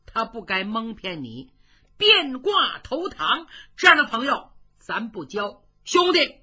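A woman's voice: fairly high pitch, wildly swooping pitch, slow pace, bright, forceful tone, slightly rough, muffled recording, full character voice. A woman doing a blunt brotherly old general. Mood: urging. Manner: pleading, urgent, brotherly.

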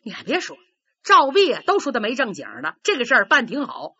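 A woman performs a traditional tale with a high, bright voice that leaps up and down in pitch. Her narration is lively and dramatic. The recording is dull and lo-fi. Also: brisk, breathy edge. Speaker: storyteller.

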